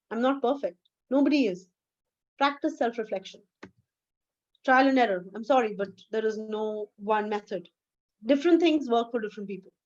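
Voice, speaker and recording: A woman's voice: sits high, a little mellow, highs cut off. A woman with an Indian English accent giving an earnest, emphatic lecture as a webinar speaker, correcting herself now and then. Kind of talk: lecture presentation.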